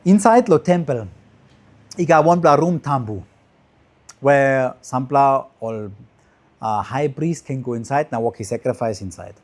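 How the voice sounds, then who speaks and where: A man's voice: animated, unhurried. Papua New Guinean man preaching in pidgin. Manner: emphatic rises trailing off into lower, softer phrase endings; short, repetitive phrases.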